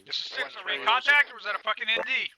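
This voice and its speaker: A man's voice: extremely high pitch, rapid-fire, crowd noise. A man giving commands over the radio in a military simulation game.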